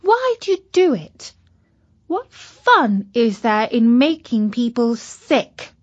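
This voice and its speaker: A woman's voice: fairly high pitch, sing-song, slow, a little mellow, slightly rough, lo-fi sound, exaggerated voice. A woman voicing a bold young girl witch who scolds sharply. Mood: indignant.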